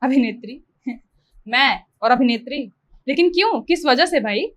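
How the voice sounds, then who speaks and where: A woman's voice: high-pitched, expressive, measured pace, fairly bright tone, heavily acted. A woman playing a young wife in a stage play, curious and flustered, protesting eagerly.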